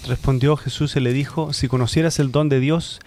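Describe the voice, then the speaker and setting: A man reading a Bible passage aloud in a steady, measured way during a study group. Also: mid-range voice, slight background noise.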